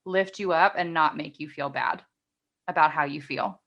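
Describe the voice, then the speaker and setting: A woman's voice: sits low, normal speed, vocal fry, a bit bright, muffled recording. A woman hosting a podcast, speaking earnestly and with empathy. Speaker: podcast host. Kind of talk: casual chat.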